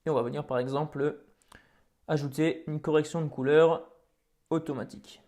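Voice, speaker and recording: A man hosting a software tutorial, talking casually over a screen recording with many fillers and restarts. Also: a little high, fairly even intonation, moderate pace. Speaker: tutorial host.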